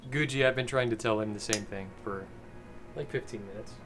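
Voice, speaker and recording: A man's voice: fairly low pitch, brisk, music in the background. A young man chatting casually over drinks, patiently explaining things step by step. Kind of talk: casual chat while drinking.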